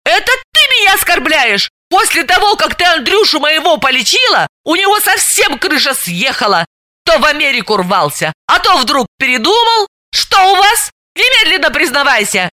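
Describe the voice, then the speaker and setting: A woman voicing a jealous, quarrelsome young woman who screeches accusations in a shrill, very high voice. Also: big pitch swings, moderate pace, hardly any pauses, bright, forceful tone, no room sound, studio quality, exaggerated voice. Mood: furious.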